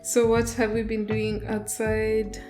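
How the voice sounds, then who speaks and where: A woman's voice: a little high, completely flat delivery, music in the background. A woman co-hosting a casual chat podcast, giving short, understated replies. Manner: slow, understated replies with frequent laughs. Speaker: podcast co-host.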